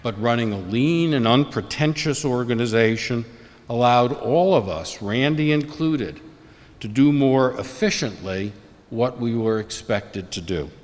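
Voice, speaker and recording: An older man delivers a prepared memorial eulogy, reading his formal remarks in a measured, deliberate way. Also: mid-range voice, expressive, a little mellow. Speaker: eulogist, former colleague and professor. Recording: long hall reverb.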